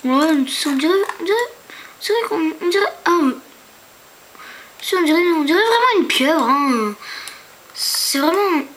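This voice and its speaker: Woman, high voice, casual screen-tour narrator, hesitant and chatty, talks straight to viewers, home computer mic. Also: expressive, a little slow, long pauses, a bit bright. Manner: chatty, hesitant, stumbles over foreign names; talks to viewers with rhetorical questions. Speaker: YouTuber.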